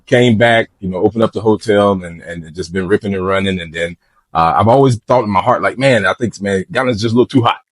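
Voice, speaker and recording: A man from Atlanta, a bar co-owner, talking in a relaxed, easygoing way in an interview. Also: on the low side, quick pace, no echo. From Atlanta, Georgia, US. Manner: relaxed, easygoing, with fillers and restarts. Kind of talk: casual interview.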